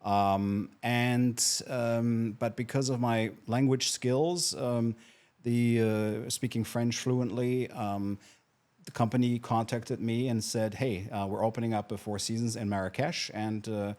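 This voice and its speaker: A man's voice: medium pitch, little pitch movement, unhurried, darkish tone. A middle-aged man from Germany, a hotel marketing guest in a casual interview, talking with many fillers and restarts. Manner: chatty, frequent fillers and restarts.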